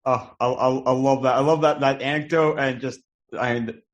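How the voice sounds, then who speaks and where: A man's voice: medium pitch, fairly even intonation, normal speed, dull audio. A man hosting a podcast, asking long, rambling questions with many fillers and obvious enthusiasm. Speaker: podcast host. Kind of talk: casual interview chat.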